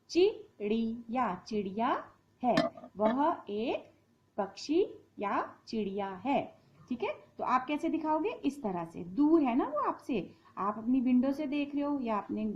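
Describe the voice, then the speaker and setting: A woman's voice: fairly high pitch, muffled recording. A woman teacher giving a patient lesson to young children, spelling words out sound by sound.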